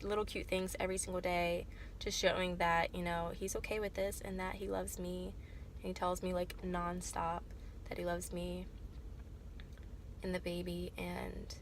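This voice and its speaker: A young woman vlogger with a cold chats casually to camera, sounding congested and nasal, rambling with lots of fillers and self-corrections. Her voice is on the low side and creaky, with slight background noise.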